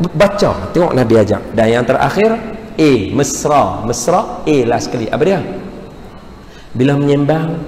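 A man with a northern Malaysian accent giving a lively, humorous lecture in a large mosque hall, acting out little dialogues as he teaches. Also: a little high. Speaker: religious lecturer. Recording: echoey hall with faint background hum.

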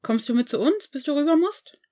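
A woman doing an eager, higher-voiced teenage boy. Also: expressive, fairly quick, warm tone.

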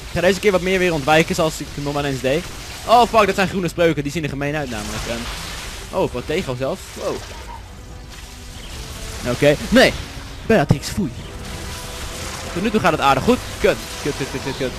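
A man's voice: fairly high pitch, expressive, moderate pace, pauses often, music in the background. A man from the Netherlands with a Dutch accent, doing jokey let's-play commentary, chatty and swearing often. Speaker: gaming commentator.

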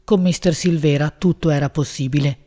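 A woman reads a literary novel aloud at a measured pace, shaping each phrase expressively. The recording sounds slightly dull and lo-fi. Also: low-pitched, steady tone, dark tone. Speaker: audiobook narrator. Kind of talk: literary audiobook narration.

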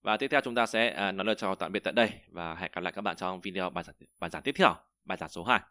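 Low-voiced male language teacher. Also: very fast, no echo, clean studio sound. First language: Vietnamese. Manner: repeats drill syllables loudly, many fillers. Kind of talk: online lesson with screen walkthrough.

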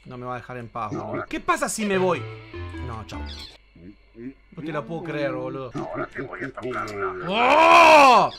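A man with an Argentine accent commenting on a horror game as he plays, crude and excitable, swearing and laughing. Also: mid-range voice, normal speed, pauses often, music in the background. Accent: Rioplatense Argentine Spanish. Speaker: gaming streamer. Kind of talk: live gameplay commentary.

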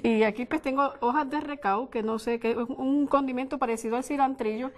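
A woman's voice: sits high, steady tone, a little fast. An older Puerto Rican woman with a Puerto Rican accent, guest cook on a TV show, talking homely with lots of diminutives. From Puerto Rico. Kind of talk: cooking demonstration. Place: studio kitchen set. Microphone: lapel mic.

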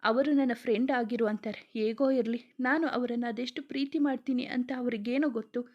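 A woman voicing a gentle, heartbroken young man in love, reading his lines softly and tearfully in a storybook reading. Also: fairly high pitch, fairly even intonation, fairly quick, dull audio, lightly acted. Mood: crying. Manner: soft, pleading, tearful lines.

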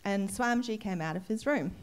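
A woman yoga teacher telling a personal story to a gathering at an ashram, candid and emotional, with soft laughs. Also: mid-range voice, a little fast, clean tone. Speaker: yoga teacher giving a satsang talk. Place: ashram hall.

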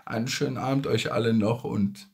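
A man's voice: medium pitch, fairly even intonation, brisk, gravelly, a little mellow, slightly rough. A man in his fifties from Germany talking casually and earnestly to his followers, emphatic and often repeating himself, recorded indoors on a phone. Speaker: social media creator. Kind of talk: casual video message to followers. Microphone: phone at arm's length.

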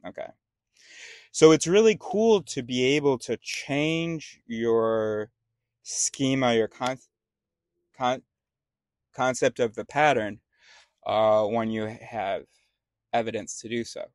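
A man's voice: medium pitch, takes it slowly, pauses often, a little mellow, no room sound, clean studio sound. A man in a casual spoken monologue, rambling and often stopping to restart his sentences. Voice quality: rambling, self-interrupting.

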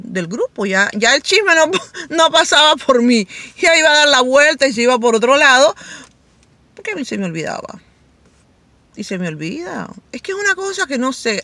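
A middle-aged woman vlogger telling stories to camera in a chatty, animated way, laughing often and acting out quoted voices in a high pitch. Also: dry recording. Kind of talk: casual storytelling to camera.

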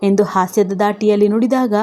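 A woman storyteller reads a serialized romance story aloud. Her narration is steady and expressive, and her voice is warm and mellow. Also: mid-range voice, normal speed.

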